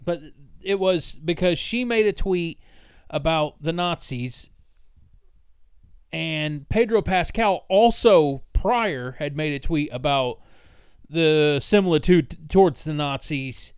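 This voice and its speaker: Male podcast co-host, somewhat higher voice, smooth, talks fast with restarts. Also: no echo, studio quality. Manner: fast, restarts often, leads topics. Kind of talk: casual chat.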